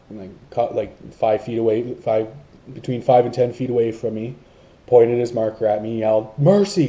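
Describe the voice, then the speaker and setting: A man's voice: on the low side, mellow. A man vlogging about paintball to camera, in a rambling casual talk with many fillers and restarts.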